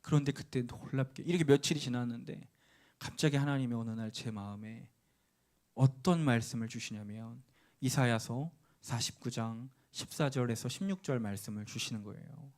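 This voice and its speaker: A middle-aged man preaching in a church, telling a personal story and acting out the voices of the people in it, with sudden loud cries and hushed lines. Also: mid-range voice, normal speed. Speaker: pastor. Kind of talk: sermon. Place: church sanctuary.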